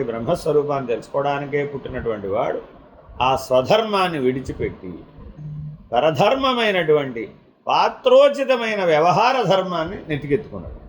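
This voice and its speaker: A man giving a spiritual discourse, telling stories with lively acted-out voices and slowly chanting verses. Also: on the high side, a little hiss or hum, poor audio. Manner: animated storytelling, acting out people in his anecdotes. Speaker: spiritual teacher. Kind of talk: sermon.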